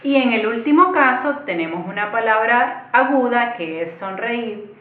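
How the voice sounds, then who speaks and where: Speaking straight to her viewers, a woman patiently explains things in an online lesson, her slightly high voice lively in intonation at a normal speed. The sound is thin and tinny, like a phone line, with the echo of a bare room behind it.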